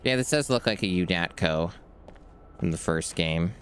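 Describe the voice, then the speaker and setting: Man, streamer, casual gameplay chat, easygoing, very deep voice, faint background hiss. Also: moderate pace. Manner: relaxed, easygoing. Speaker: streamer playing a game.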